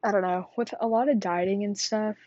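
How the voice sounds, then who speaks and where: A woman's voice: medium pitch, steady tone, a little fast, mellow, no room sound, lo-fi sound. Rambling teenage girl, out of breath. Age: teens. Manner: rambling, chatty, self-deprecating with frequent fillers. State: winded, out of breath. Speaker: student vlogger. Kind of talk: casual rambling monologue.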